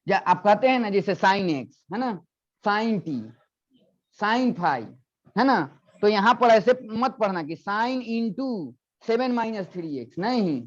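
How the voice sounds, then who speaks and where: A man's voice: high voice, animated, takes it slowly. A male physics teacher giving a classroom lecture, coaxing students and repeating questions. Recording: dull lo-fi classroom recording.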